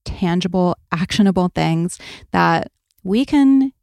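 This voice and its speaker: A woman podcast host talks informally to her listeners. Her voice is a little low with noticeable vocal fry, and the sound is very dry and close. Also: expressive, takes it slowly, darkish tone, no room sound. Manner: informal, peppered with "like". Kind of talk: conversational podcast introduction.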